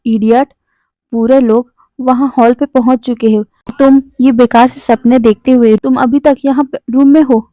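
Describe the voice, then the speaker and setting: A woman's voice: sits high, fairly even intonation, moderate pace, dark tone, no echo, close to an everyday voice. A woman voicing a grumpy young man who scolds, in a storybook retelling. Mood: scolding. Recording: dry, dull lo-fi sound.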